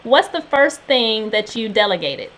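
A woman's voice: fairly high pitch, very animated, unhurried, fairly bright tone. A woman in her thirties hosting an interview, encouraging and reacting often. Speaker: interview host. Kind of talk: casual interview chat.

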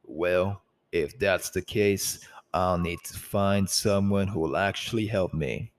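A man voicing a vengeful, defiant male flying creature in a scornful, low tone. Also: slow.

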